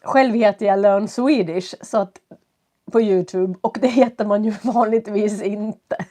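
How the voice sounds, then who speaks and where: A woman with a stuffy nose and a cough, teaching from home and talking slowly and clearly for learners as she greets viewers on a live stream. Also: mid-range voice, dark tone. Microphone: computer setup.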